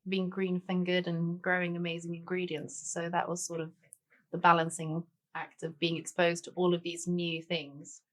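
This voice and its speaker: A woman in her forties speaks at normal speed in a lowish, fairly bright voice with a completely flat delivery. Born in Denmark and raised in Tanzania, the guest chef and cookbook author chats easily in a relaxed conversational interview, dropping in "sort of" and "you know" often.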